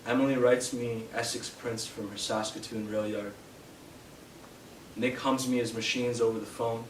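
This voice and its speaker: A young man from Canada giving a live poetry reading in a bookshop, hesitant with fillers between poems and steady in his verse. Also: mid-range voice, normal speed. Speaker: poet. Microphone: distant from the mic. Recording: roomy, distant, noisy live room sound.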